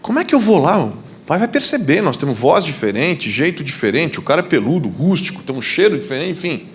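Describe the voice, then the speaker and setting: Anxious young homebody, hushed and fretful, played by a male preacher in a sermon. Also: on the high side, very animated, a little fast, slight background noise. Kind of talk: acted scene in a sermon.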